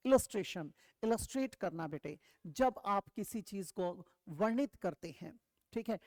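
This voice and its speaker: A woman teaching an exam vocabulary lesson, asking questions and answering them herself, reading English definitions slowly. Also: mid-range voice, animated, a little mellow, dry recording. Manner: explains step by step, asks and answers her own questions, calls students "beta".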